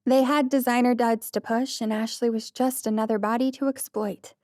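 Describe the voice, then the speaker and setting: A woman reading a light-hearted romance audiobook, in an even storytelling manner, close to the mic. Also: a little high, moderate pace, no echo. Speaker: audiobook narrator. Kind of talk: scripted narration.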